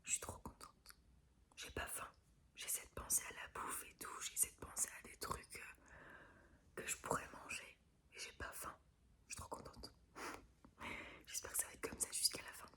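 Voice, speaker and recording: A woman's voice: moderate pace, pauses often, pushed and bright. A woman vlogger whispering a chatty, upbeat morning update.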